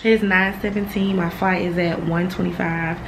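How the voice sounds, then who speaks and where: A woman in her twenties from the United States chatting in a frank, slangy, unhurried way to her travel vlog. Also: on the low side, steady tone, gravelly, over loud music. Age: 20s. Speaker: travel vlogger. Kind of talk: casual vlog chat. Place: hotel bedroom or balcony.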